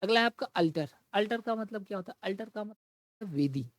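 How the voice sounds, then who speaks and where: Woman teaching vocab, patient, asks questions and answers them herself, dry close mic, mid-pitched. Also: expressive, no echo. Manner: explains patiently, keeps asking rhetorical questions; reads English definitions slowly and word by word. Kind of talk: exam-prep vocabulary lesson.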